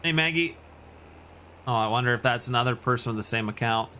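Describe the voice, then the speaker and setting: A Canadian man hosts a video game livestream, rambling casually and reacting to his chat. His mid-range voice moves fairly quickly with a pushed, bright quality, over slight background noise.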